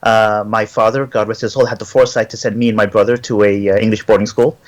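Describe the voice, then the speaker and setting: A man's voice: lowish voice, flat delivery, fast talker. Syrian-born man telling his story. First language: Arabic. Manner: fluent storytelling, frequent "uh" fillers. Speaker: interview guest. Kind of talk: remote interview, conversational.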